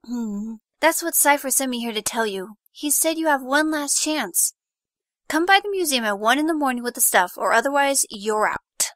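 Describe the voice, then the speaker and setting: A woman playing a bubbly high-voiced schoolgirl. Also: expressive, normal speed, fairly bright tone, dry recording, studio quality. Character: eager, hopeful teenage schoolgirl. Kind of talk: fan audio drama acting.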